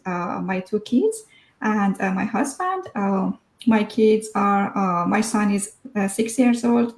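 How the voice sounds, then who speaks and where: A woman's voice: medium pitch, creaky, a little mellow, reverberant, rough recording. A woman in her thirties from Iran, a guest telling her story over a video call, hesitant with many fillers. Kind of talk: online interview.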